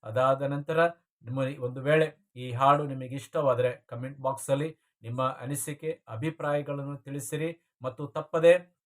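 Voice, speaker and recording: A man's voice: mid-range voice, fairly even intonation, a little slow. A man hosting his channel, giving a formal, preacher-like devotional address to viewers before a song. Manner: formal preacher-like cadence with repeated blessings.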